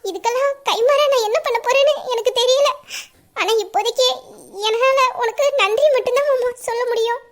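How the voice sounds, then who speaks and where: A woman's voice: very high-pitched, a little fast. A woman voicing a sweet, teary young bride. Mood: teary, loving. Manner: soft, teary, sweetly grateful. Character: shy, loving young bride-to-be. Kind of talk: audio drama acting.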